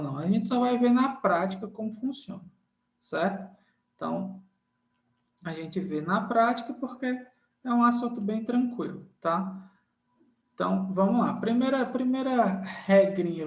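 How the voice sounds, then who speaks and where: A man's voice: high voice, roomy sound. A man teaching an online lesson in a friendly, informal way, repeating each rule and checking in with the students often. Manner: repeats key rules, frequent checking tags like "tá?" and "certo?"; uses many diminutives, friendly and informal. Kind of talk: online grammar lesson with screen sharing.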